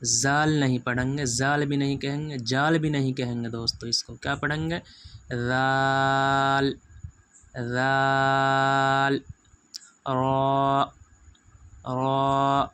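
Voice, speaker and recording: Flat-voiced man drilling letter sounds. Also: mid-range voice. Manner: patient, repetitive, drawn-out letter sounds, keeps saying "friends". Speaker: Quran reading teacher. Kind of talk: letter-by-letter pronunciation lesson.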